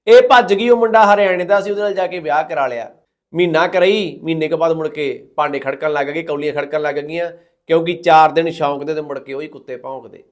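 Scornful high-voiced storyteller man. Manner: moralizing, scornful, quotes others in their voices. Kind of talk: dramatic storytelling.

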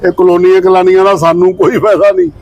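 A man's voice: sits high, flat delivery, fast, darkish tone. A man acting in a village comedy skit, boasting and telling a folksy story. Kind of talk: scripted rural skit dialogue.

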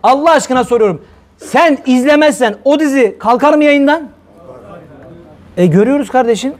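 Speaking at a moderate pace in a very high voice, a man preaches heatedly to his viewers, peppering them with rhetorical questions throughout his religious message.

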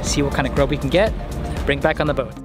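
A man's voice: mid-range voice, steady tone, fast. A young man hosting a casual travel vlog, touring a boat and cheerfully pointing things out. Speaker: vlog host. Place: outdoors on a boat deck and inside a boat cabin. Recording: music playing under the voice.

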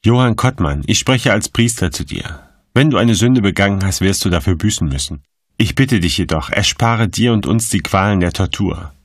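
A man voicing a gentle male priest who speaks softly and earnestly. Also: lowish voice, expressive, normal speed, dry recording, clean studio sound.

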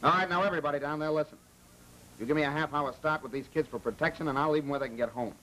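An actor playing a tough, menacing American gangster in a 1930s film, with snappy, slangy delivery. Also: male voice, on the high side, very fast, sharp tone. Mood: defiant. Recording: noisy 1930s film soundtrack.

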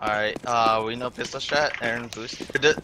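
A man with a mid-pitched voice acts as team caller in a shooter. His instructions are terse and tactical, spoken casually over a noisy voice chat with gunfire and clicks. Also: steady tone, moderate pace.

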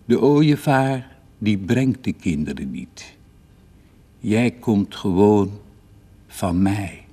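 An older man voicing a calm, frank mother in a read-aloud story, in his own husky voice. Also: lowish voice, drawn-out words, full character voice. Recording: reverberant studio recording.

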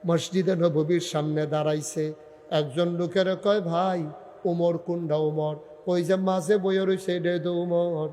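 A man, preaching a storytelling sermon in a sing-song style that swells into wailing shouts. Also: high voice, fairly even intonation, measured pace, big-room sound.

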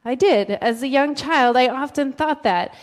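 A woman's voice: sits high, moderate pace. A middle-aged woman pastor preaching a conversational sermon on a handheld mic, asking the congregation questions. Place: church sanctuary with a stage. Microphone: handheld mic, filmed from the back of the room. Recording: long reverb of a church hall.

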